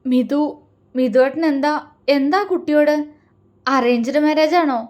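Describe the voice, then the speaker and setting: A timid young woman in love, her words breaking into stammers and halting starts, as a woman narrator puts her on. Her voice sits high in a storybook romance read aloud. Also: a little mellow. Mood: tearful.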